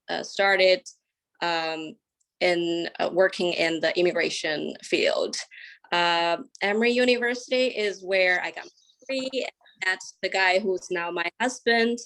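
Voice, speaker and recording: A woman, introducing herself on a panel with many hesitant pauses. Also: medium pitch, fairly bright tone. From China. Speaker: immigration attorney, panelist.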